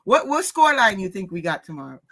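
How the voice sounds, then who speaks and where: A woman's voice: medium pitch, big pitch swings, fast talker, fairly bright tone. A woman football fan on a panel, chatting casually with slangy banter. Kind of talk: casual chat.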